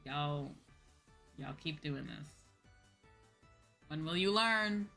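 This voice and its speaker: A woman with a low, gravelly voice that sounds pushed and bright speaks very slowly and expressively. She's a VTuber streamer hosting a chat stream, talking casually and candidly with emphatic repetition and informal, sweary phrasing. Background music plays underneath.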